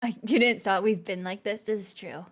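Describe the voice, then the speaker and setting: A woman's voice: mid-range voice, a little fast. A woman streamer in casual live-stream chat, giggling often and rambling as she answers her viewers.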